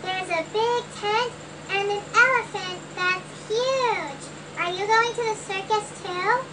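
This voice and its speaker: Chirpy little girl, voiced by a performer, excited, sped-up and high, distant with background noise. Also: takes it slowly. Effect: sped-up, pitch-raised playback.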